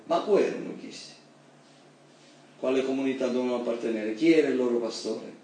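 A man preaching a sermon in an animated way, reading scripture and breaking into high emphatic bursts. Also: brisk. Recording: very echoey hall, mic far off, faint background noise.

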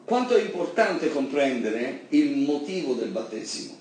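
A man preaching a sermon in an animated way, reading scripture and breaking into high emphatic bursts. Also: normal speed. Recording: very echoey hall, mic far off, faint background noise.

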